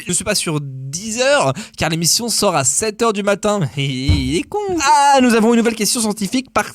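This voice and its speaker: Playful, sing-song comedy podcast host. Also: male voice, sits high, no echo, studio quality. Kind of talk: comedic morning show monologue.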